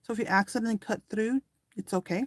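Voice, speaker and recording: Speaking quickly in a slightly high voice, this craft tutorial host, who sells through a small online shop, chats in a loose, rambling way as she works with her hands and thinks out loud. The sound is clean studio audio with no echo.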